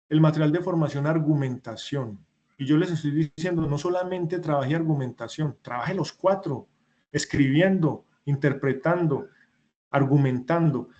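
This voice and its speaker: Man explaining spelling rules, slightly high. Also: a little mellow, muffled recording. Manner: explanatory, repeats points with examples. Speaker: instructor. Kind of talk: online class lecture.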